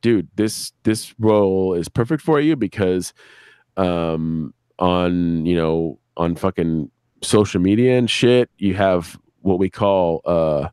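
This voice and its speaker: On a live stream, an audio drama creator and director appears as an interview guest, talking casually and swearing a lot as he rambles through anecdotes and acts out what people said. His voice is deep and darkish, clear and resonant, with studio quality and no echo.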